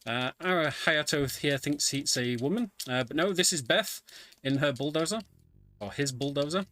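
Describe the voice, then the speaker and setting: A man with a somewhat high, sharp voice speaks at a moderate pace. He's a speedrunner narrating and explaining his own video game run live, a bit hesitant as he goes. Game music plays behind him.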